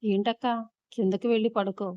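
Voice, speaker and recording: A woman's voice: medium pitch, little pitch movement, normal speed, warm tone, no echo, natural voice. A woman storyteller voicing a startled younger brother who protests earnestly, on a dull lo-fi recording.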